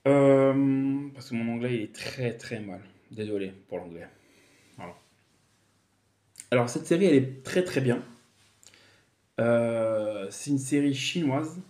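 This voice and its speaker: A man casually reviewing a television series, talking haltingly with many fillers and self-corrections. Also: on the low side, warm tone. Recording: echoey room.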